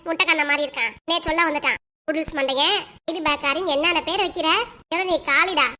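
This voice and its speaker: A woman's voice: high-pitched, steady tone, fast, bright, forceful tone. A woman voicing a cheeky young girl in a cartoon, mocking her cousin with sassy name-calling. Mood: teasing. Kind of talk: cartoon voice acting.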